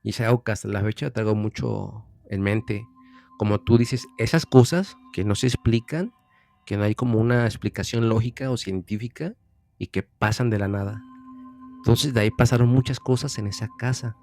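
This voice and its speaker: A man's voice: fairly low pitch, moderate pace, creaky, a little mellow. A man from Mexico with a Mexican Spanish accent, a guest telling a personal story in a chatty way, often repeating phrases as he recalls. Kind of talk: casual storytelling.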